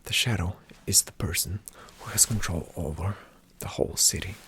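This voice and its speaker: Slight background noise sits behind a deep-voiced man as he whispers an ASMR roleplay as a calm, attentive male spy agent briefing a partner. His hushed instructions are deliberate, delivered in a soft, breathy voice with a slight creak.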